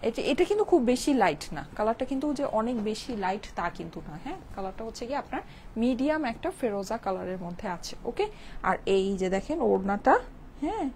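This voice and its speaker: A Bangladeshi woman selling clothes on a live stream, chatty and a little hoarse from a cold, checking in with viewers after almost every line. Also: on the high side, big pitch swings, fast, darkish tone, a little hiss or hum. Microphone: phone with clip-on mic.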